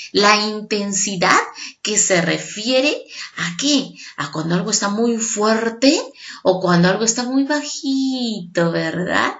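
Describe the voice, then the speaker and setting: Female teacher, mid pitch, gravelly texture, expressive classroom delivery aimed at kids. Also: highs cut off. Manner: expressive, keeps asking the class to confirm. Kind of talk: classroom lesson for children.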